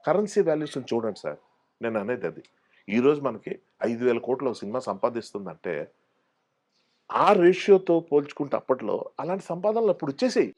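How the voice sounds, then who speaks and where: A man's voice: mid-range voice, big pitch swings, fairly quick, darkish tone. A man, an actor as interview guest, telling stories casually and acting out the voices of people he quotes.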